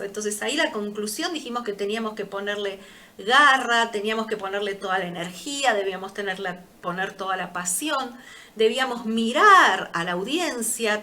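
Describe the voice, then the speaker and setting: A woman's voice: mid-range voice, bright, forceful tone. A woman teaching a seminary class on preaching, speaking. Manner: measured teacherly, frequent "¿no?" tag questions. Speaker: seminary lecturer. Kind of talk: recorded online class lecture.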